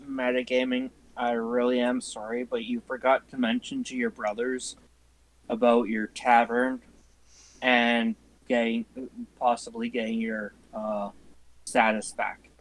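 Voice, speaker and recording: A man chiming in during a tabletop game, his voice mid-pitched and plain. He sounds polite and a little apologetic. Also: little pitch movement, a little slow, poor audio. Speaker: player. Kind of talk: casual tabletop play.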